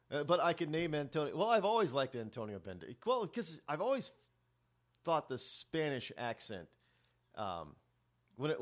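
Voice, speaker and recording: A middle-aged man talks his way through a casual talk-show monologue, his voice rising and falling in wide, animated swings. He rambles, stops and restarts, and fills the gaps with hesitant filler sounds. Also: medium pitch.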